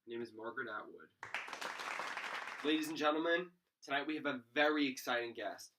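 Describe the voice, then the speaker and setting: A man's voice: mid-range voice, fairly quick, a crowd in the background, natural voice. A man playing an upbeat male late-night talk-show host with showy patter, in an amateur school role-play. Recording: distant mic with loud background noise.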